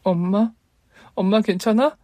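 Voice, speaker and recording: A man's voice: high voice, unhurried, mellow, no room sound, pitched above the performer's own voice. A man voicing a stubborn, resentful daughter who speaks in a raised, insistent way. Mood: worried. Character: sharp-tongued young daughter, stubborn and resentful.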